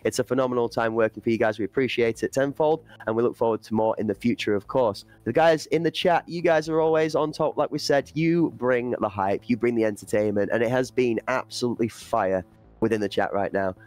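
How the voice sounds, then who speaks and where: A man's voice: medium pitch, a little fast, a little mellow, no echo. A man commentating an esports playoff, breaking down play and building hype for the chat. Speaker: esports caster.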